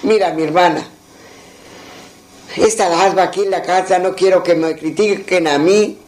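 A man's voice: high-pitched, normal speed, a little mellow, lightly acted, low-quality recording. A man with a Moroccan Judeo-Spanish accent voicing a kindly older merchant in a folk tale, reassuring and fatherly.

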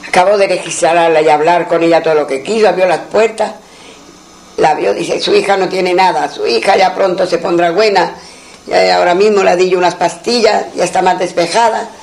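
A man tells an old folk tale in a plain, homely way. His voice sits high for a man and has a gravelly, creaky edge. He circles back over his phrases and gives each character's words in his own voice. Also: steady tone, a little fast, rough recording. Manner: homely, repetitive, voices the characters' lines in turn. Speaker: storyteller. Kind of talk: oral folk tale telling.

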